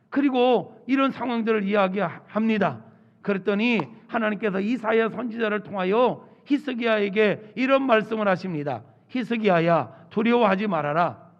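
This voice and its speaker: A man's voice: high-pitched, moderate pace. A male pastor preaching a sermon, dramatically acting out the words of biblical figures. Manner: dramatic, acts out biblical speeches. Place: church sanctuary. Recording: muffled sound in a reverberant church hall.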